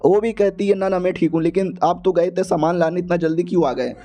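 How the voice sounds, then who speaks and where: A young man retells a comic tale in a loose, slangy, playful way, jumping between characters as he goes. His voice sits high yet sounds mellow and soft-edged. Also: fairly even intonation, fast talker. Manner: playful, slangy, switches pitch for female characters. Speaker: manhua recap narrator. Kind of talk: casual storytelling recap, voicing all characters.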